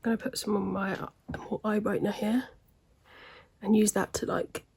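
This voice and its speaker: In this casual get-ready-with-me chat, a beauty vlogger does her makeup at a desk at home in daylight, making self-deprecating comments and frequent half-whispered asides. Her mid-range voice is gravelly, husky and darkish, delivered flatly at a moderate pace, with a slightly smoky laugh.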